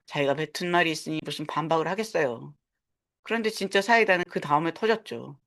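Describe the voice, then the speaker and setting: A woman in her sixties narrating a first-person story in a calm, matter-of-fact way. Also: on the low side. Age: 60s.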